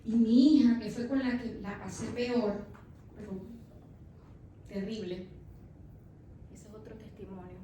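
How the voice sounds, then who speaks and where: A woman's voice: medium pitch, fairly even intonation, a little slow, long pauses, warm tone. A woman pastor in her thirties preaching a sermon with emphatic delivery, addressing the congregation as brother. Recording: echoey church from far off, faint noise.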